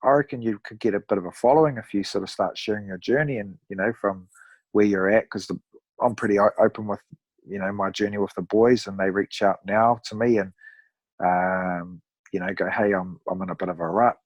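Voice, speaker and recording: Man, broad Kiwi accent, low even voice, matey casual storytelling, rough around the edges. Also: fairly quick, no echo. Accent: broad New Zealand. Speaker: podcast guest, amateur endurance athlete.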